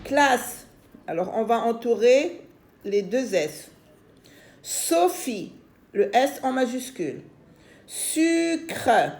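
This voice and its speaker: Slow, patient French woman teaching phonics. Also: medium pitch, darkish tone, echoey room. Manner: slow, patient, repeats words and syllables. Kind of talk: phonics lesson for young children.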